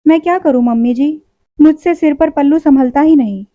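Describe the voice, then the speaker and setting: Playful young daughter-in-law, high voice, dull lo-fi sound, voiced by a woman narrator. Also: a little slow, no echo. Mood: coaxing. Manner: coaxing, pleading, playful. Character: cheeky, affectionate young new daughter-in-law. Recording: dull lo-fi recording.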